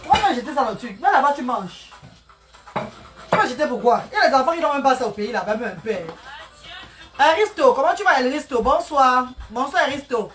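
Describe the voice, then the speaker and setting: Cooking in her home kitchen on a casual live stream, a woman greets viewers by name and often speaks of God's blessings. Her voice is high and animated, a little fast, with music playing in the background.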